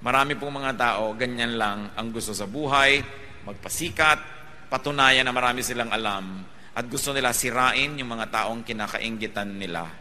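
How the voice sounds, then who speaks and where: A Filipino man preaching a sermon, moving between soft, slow asides and loud, fast emphatic bursts. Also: medium pitch, slight background noise. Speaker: pastor. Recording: long hall reverb with faint music behind.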